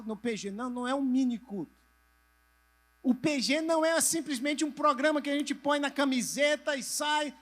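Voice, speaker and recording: A middle-aged male pastor preaching to church leaders, asking the audience questions and answering them himself, sometimes having them raise hands or turn to a neighbor. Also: very high-pitched. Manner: drops to a soft voice at moments. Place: church convention hall with a live audience.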